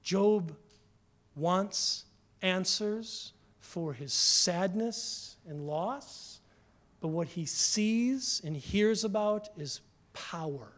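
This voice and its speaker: A man preaching a sermon in a church, animated and conversational, with quick asides and paraphrased dialogue. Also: high-pitched.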